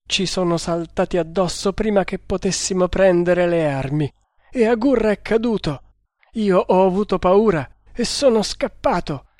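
A man's voice: high voice, unhurried, darkish tone, no echo, clean studio sound, pitched above the performer's own voice. A man voicing a treacherous, terrified male servant who wails and sobs as he pleads, in an audiobook. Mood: sobbing. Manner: wailing, sobbing, frantic pleading. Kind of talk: audiobook character voice.

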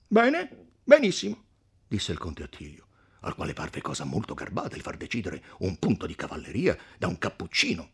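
A man's voice: rumbling low, very animated, fairly quick, a bit bright, slightly rough. A man reading a classic novel aloud expressively, voicing several characters. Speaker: audiobook reader.

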